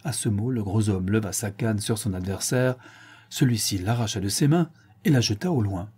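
Husky, mellow male audiobook narrator. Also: on the low side, moderate pace. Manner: expressive reading, lifting his voice for quoted characters. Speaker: audiobook reader.

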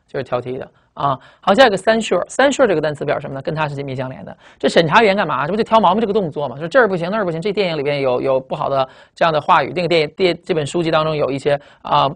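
A man teaching English vocabulary in a recorded lecture. He asks the class questions and answers them himself, and he reads the English words slowly and spells them out. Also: fairly high pitch, creaky. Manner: often ends phrases with a drawn-out "ah".

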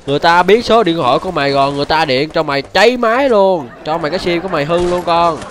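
A man's voice: fairly high pitch, rapid-fire, slight background noise, close to an everyday voice. A young man voicing an angry old father who scolds and threatens over game voice chat. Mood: scolding. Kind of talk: prank voice chat during a mobile game.

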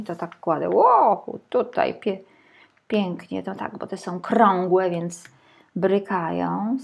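A woman's voice: mid-range voice, gravelly, slight background noise. A woman reading tarot for her viewers in a chatty, casual way, sometimes dropping to a whisper while she lays out the cards. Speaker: tarot reader.

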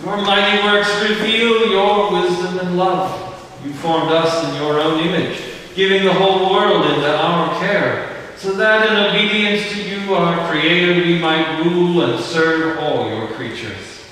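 A man leading a church service as priest, reciting a formal liturgical prayer in a measured, solemn way, with a cathedral echo around his voice. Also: sits high, fairly bright tone. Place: large church. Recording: echoey church from far off, faint hiss.

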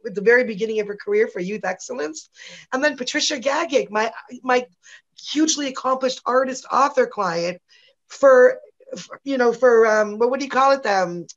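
A woman's voice: fairly high pitch, moderate pace. Fifty-something woman gushing on a podcast, keeps restarting, kinda muffled lo-fi sound. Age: 50s. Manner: enthusiastic, rambling with restarts and laughs. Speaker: podcast guest, publicist. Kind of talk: casual interview chat. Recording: dull lo-fi audio.

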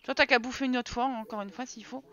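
A woman streamer rattles through casual live commentary, scolding her game characters and thanking viewers in chat. Her voice is bright and forceful and sits a little high. The stream audio is slightly dull, with faint game music underneath. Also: fairly even intonation, fast talker. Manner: chatty, exasperated, talks to game characters and chat.

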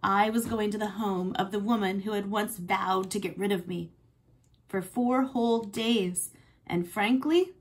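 A woman teacher reads a chapter book aloud with expressive storytelling. Her voice is husky and gravelly, at a middle pitch for a woman. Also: unhurried. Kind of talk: classroom read-aloud.

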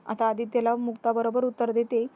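A woman's voice: fairly high pitch, completely flat delivery, a little fast, mellow. A woman with a Marathi accent retelling a TV serial episode, narrating and then acting out the characters' quarrels with rising emotion. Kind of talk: dramatic retelling with acted dialogue.

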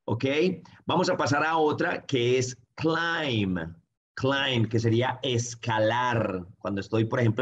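A man whose first language is Spanish, teaching English pronunciation online in a friendly way and repeating each word slowly. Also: medium pitch, highs cut off. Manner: friendly, slow repetitive drilling of words.

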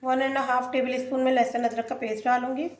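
A woman's voice: high voice, little pitch movement, brisk, echoey room. A woman hosting a cooking channel, narrating a home recipe step by step as she works in her kitchen. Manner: plain, explains each step as she works.

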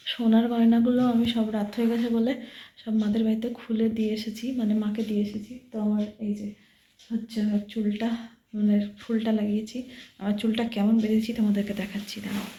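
A woman talks to her phone camera late at night, keeping her voice low and soft so she wakes no one. Her tone is dark and mellow with a flat, even pitch. The bedroom lends a roomy echo. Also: quick pace. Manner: speaking quietly and softly so as not to wake sleepers. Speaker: vlogger. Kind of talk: late-night vlog talk to viewers. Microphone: phone camera held by hand.

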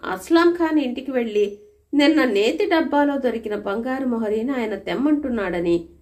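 A woman voicing a shrewd, wise male royal minister who speaks calmly and turns stern, in a storybook reading. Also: on the high side, normal speed, pitched above the performer's own voice, close to an everyday voice. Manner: calm, persuasive, stern when warning.

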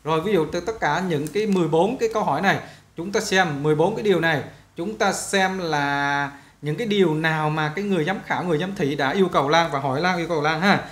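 A man's voice: on the high side, fast talker, fairly bright tone. A man teaching an English textbook lesson, explaining it in a talky way that often restarts and repeats phrases. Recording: roomy echo.

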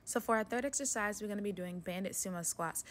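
A woman's voice: medium pitch, a little fast. A young adult woman coaching a workout as a fitness instructor, upbeat and encouraging, giving direct exercise cues.

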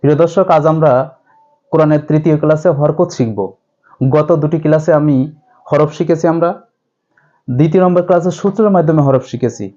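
A man teaching a step-by-step recitation lesson to viewers, drilling syllables slowly with much repetition. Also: on the high side, dark tone, lo-fi sound. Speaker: Quran reading teacher.

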